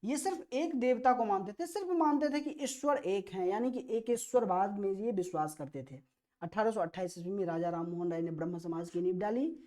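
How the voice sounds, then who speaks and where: With a brisk, warm, mid-range voice, a woman with an Indian accent teaches an exam-prep history lesson in quiz style. She reads out questions and explains the answers, emphatically repeating key phrases.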